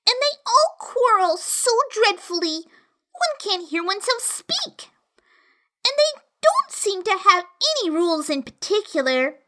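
A woman's voice: very high voice, sing-song, normal speed, few pauses, a bit bright, a little hiss or hum, pitched above the performer's own voice, full character voice. A woman voicing a curious young girl who complains in a prim, fretful way. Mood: complaining.

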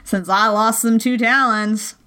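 A woman's voice: a little high, steady tone, measured pace, sharp tone, smooth. A woman reading an audiobook and voicing a sly, fawning old male pirate who half wheedles and half sneers. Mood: coaxing. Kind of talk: audiobook character voice.

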